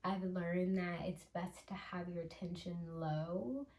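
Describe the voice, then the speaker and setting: A woman hosting a casual show-and-tell vlog, chatty and unhurried, with soft laughs and fillers. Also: lowish voice, steady tone, echoey room. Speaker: channel host.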